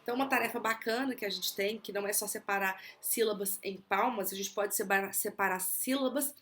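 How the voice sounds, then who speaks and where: A Brazilian Portuguese woman explaining auditory attention exercises for children in a clear, teacherly way, slowing down to model words. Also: mid-range voice, a bit bright. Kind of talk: explanatory video lesson.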